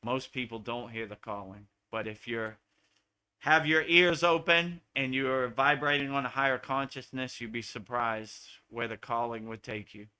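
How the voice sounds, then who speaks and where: A man's voice: mid-range voice, fairly even intonation, moderate pace, bright, forceful tone, clear, resonant tone. An American man, a spiritual teacher, talking earnestly and repetitively in a live Q&A satsang.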